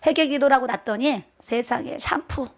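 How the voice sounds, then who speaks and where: Pastor's wife, high bright voice, dramatic testimony sermon, keeps asking the crowd questions. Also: female voice, normal speed. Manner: dramatic storytelling, quizzing the audience.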